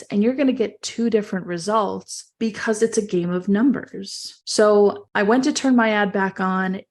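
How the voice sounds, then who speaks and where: A woman's voice: mid-range voice, vocal fry, a little mellow. A woman speaking as an online entrepreneur and coach in an earnest, emphatic motivational monologue, repeating phrases for stress. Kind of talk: personal monologue with motivational talk.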